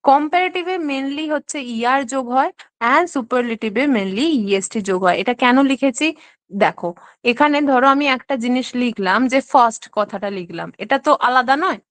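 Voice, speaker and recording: Woman, high voice, teacher, online exam-prep lesson, patient step-by-step explaining. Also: moderate pace, a bit bright. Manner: explains step by step, checks in with "ঠিক আছে?".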